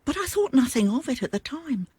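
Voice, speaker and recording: A woman's voice: sits high, very animated, brisk, darkish tone, slightly rough, dry recording, full character voice. An actress voicing a Victorian maid in a game, telling what she saw in a gurgling voice. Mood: recounting. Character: nervous Victorian maid giving testimony.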